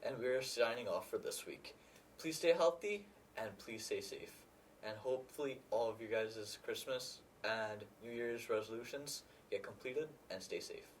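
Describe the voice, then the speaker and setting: A man's voice: medium pitch, moderate pace. A man presenting as a show host, delivering a sign-off to the audience. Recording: distant mic, noisy room ambience.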